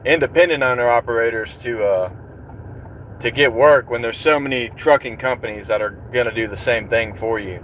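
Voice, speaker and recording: A Florida truck driver live-streams from the road, chatting casually with viewers and answering their questions in a rambling, easygoing style. His mid-range voice is fairly bright and a little fast. Inside the vehicle, the road noise is loud.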